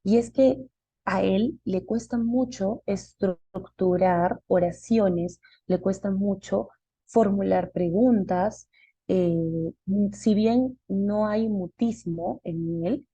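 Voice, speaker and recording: A woman's voice: mid-range voice, gravelly, warm tone, breathy edge, no room sound, dull audio. A woman giving a live online class, explaining step by step and posing questions she then answers herself. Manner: explanatory, asks and answers her own questions.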